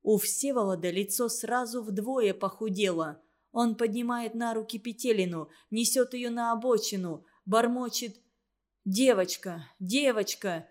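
A woman narrates a children's story for an audiobook. Her reading is expressive and vivid. Her voice sits slightly high. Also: moderate pace.

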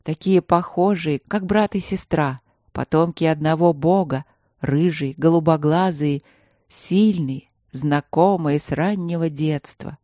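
A woman narrating a fantasy novel in a steady, measured audiobook read. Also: low voice, dry recording, clean studio sound.

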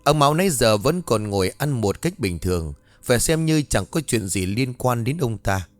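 Male storyteller for a ghost tale, animated delivery, dry close mic. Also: mid-range voice, moderate pace, no echo. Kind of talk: scripted ghost story narration. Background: faint background music.

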